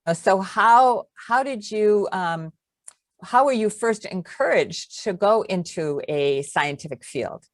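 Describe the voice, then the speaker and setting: A woman's voice: medium pitch, expressive, slow pace, no room sound. A woman moderating a webinar, asking questions carefully and rephrasing them as she goes.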